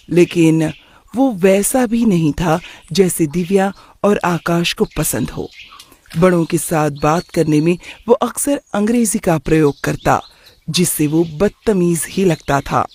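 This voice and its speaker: A measured storybook narrator with an unhurried pace. The delivery is plain and even-toned. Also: medium pitch.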